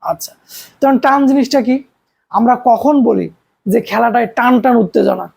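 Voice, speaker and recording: Gravelly-voiced man teaching physics. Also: extremely high pitch, moderate pace, a little mellow. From Bangladesh. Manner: explains step by step with everyday examples and rhetorical questions. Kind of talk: recorded classroom lecture.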